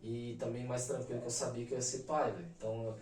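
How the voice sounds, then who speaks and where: A Brazilian man in his thirties, a podcast guest, telling a personal story in an animated, emphatic way full of slang fillers. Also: mid-range voice, fast, slight background noise. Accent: Brazilian Portuguese. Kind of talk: casual storytelling. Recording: roomy echo, mic at a distance.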